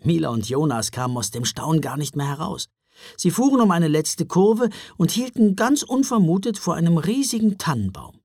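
A man narrates a children's Christmas tale with very animated, sweeping intonation. His delivery is expressive and storybook-like, recorded dry and close. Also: on the high side, moderate pace, no room sound. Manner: expressive, wide-ranging delivery.

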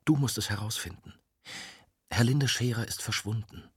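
A persistent young woman journalist, as a male audiobook reader voices her, presses her case without letting up. The voice sits low and a little husky, and it sounds dry and close to the mic. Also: moderate pace, dry recording. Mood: pleading. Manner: insistent, pleading. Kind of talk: audiobook dialogue.

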